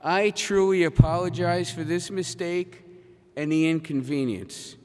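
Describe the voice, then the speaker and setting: A polite, apologetic female flight attendant making an in-flight announcement, as a man quotes her in a voice close to his own. The voice rings out into a large hall, and the pitch sits fairly high. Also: a little slow, natural voice. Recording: echoey convention hall.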